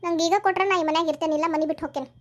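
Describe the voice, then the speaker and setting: A woman voicing a scheming, quarrelsome young daughter-in-law in a cartoon story, in a shrill, nagging tone. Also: steady tone, rapid-fire. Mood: demanding.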